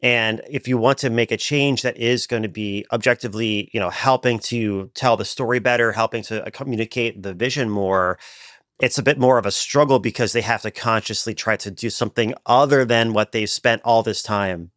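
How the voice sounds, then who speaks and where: A tired man co-hosting a podcast, talking in animated bursts with fillers and restarts. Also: mid-range voice, fairly quick, no echo, clean studio sound. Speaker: podcast co-host. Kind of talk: casual chat.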